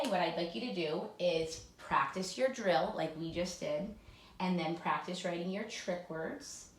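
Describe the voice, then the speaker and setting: Slow-spoken woman teaching a phonics drill. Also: lowish voice, a little hiss or hum. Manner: clear, sing-song drilling with echo repetitions. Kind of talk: recorded phonics lesson for children. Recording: echoey room.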